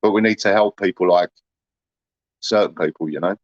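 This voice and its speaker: A man's voice: low-pitched, moderate pace, no echo, highs cut off. A man, chatting casually to livestream viewers in a rambling, aggrieved way, full of "you know".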